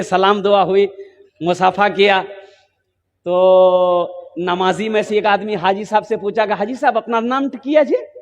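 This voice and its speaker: High-voiced preacher with a Kolkata accent. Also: male voice, roomy sound, big-room sound. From Kolkata, India. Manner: jokey, calls on the crowd to answer back. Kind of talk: humorous sermon. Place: mosque gathering.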